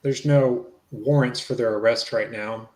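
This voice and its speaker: A man reads a police interview transcript dramatically, playing a polite, reassuring investigator who repeats himself as he goes. His mid-range, natural voice is a little mellow, with fairly even intonation and a measured pace, and the mood is matter-of-fact. The room sounds echoey.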